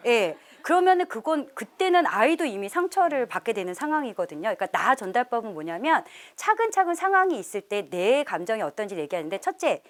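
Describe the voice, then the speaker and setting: A middle-aged woman professor giving a lively parenting lecture to a live audience, often laughing and acting out parents' lines. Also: fairly high pitch. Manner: animated, laughs often, acts out quoted parents. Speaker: professor leading a parenting seminar.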